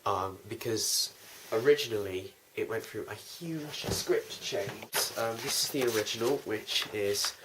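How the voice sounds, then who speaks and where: A young man chats in a loose, rambling way as host of a vlog about the making of his fan audio drama, which he writes and produces. His fairly low voice is a little slow, with hardly any pauses, captured on a noisy amateur recording with clicks.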